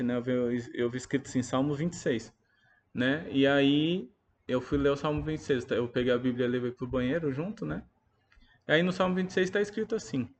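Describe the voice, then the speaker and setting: A man's voice: medium pitch, darkish tone, muffled recording. A man telling a personal faith story in a hesitant, rambling way, full of fillers. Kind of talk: personal testimony, casual monologue.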